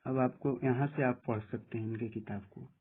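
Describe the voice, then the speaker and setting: Husky man giving a tinny tutorial. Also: medium pitch, steady tone, normal speed. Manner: plain step-by-step instructions, often saying "dekhiye". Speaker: tutorial presenter. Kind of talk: screen-recorded app tutorial. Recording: tinny phone-like audio.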